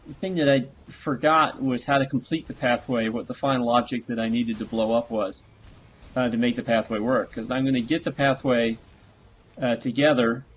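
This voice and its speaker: A man giving casual gameplay commentary, relaxed and rambling with frequent fillers. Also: medium pitch, moderate pace, slight background noise. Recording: dull lo-fi recording.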